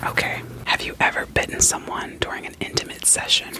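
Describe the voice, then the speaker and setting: Playing a therapist in a soothing ASMR roleplay, a woman whispers at a brisk pace, posing gently probing questions with playful warmth and repeating short phrases.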